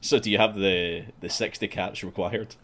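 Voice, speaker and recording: Deep-voiced game master. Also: male voice, steady tone, normal speed, fairly bright tone. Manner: amused, often laughing, theatrical rhyming narration. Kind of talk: narrating a tabletop game.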